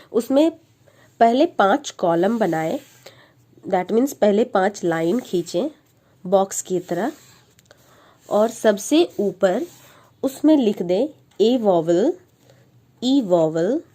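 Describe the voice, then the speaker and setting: Slow, mellow-voiced woman teaching phonics. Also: medium pitch. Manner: slow, patient, sounds out letters. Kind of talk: Hindi phonics lesson for parents.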